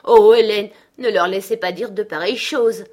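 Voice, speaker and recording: A woman reader voicing a spoiled, haughty young girl who is quick to tears, speaking imperiously. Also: mid-range voice, pitched above the performer's own voice, lightly acted. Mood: indignant. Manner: imperious, indignant. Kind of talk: audiobook character voice.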